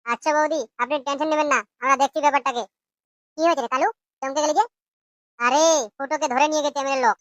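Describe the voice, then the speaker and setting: Man doing a high, sly cartoon sidekick. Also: fairly even intonation, fairly bright tone, no echo, highs cut off. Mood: wheedling. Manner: fast, wheedling. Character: sly young male friend, wheedling cartoon sidekick. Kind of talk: comic cartoon dub.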